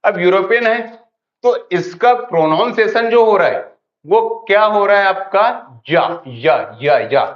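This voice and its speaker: A man's voice: high voice, animated, a little slow. A man teaching English grammar in an online class, asking questions and answering them himself over and over. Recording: dull lo-fi audio.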